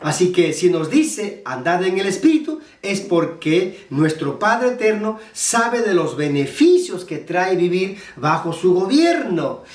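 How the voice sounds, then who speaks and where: A man's voice: high-pitched, sing-song, a little slow, few pauses, darkish tone. Male preacher, chatty sermon w lots of restarts, church echo, mic a bit far off. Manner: conversational preaching with many restarts and fillers. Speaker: pastor. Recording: echoey church hall, mic at a distance.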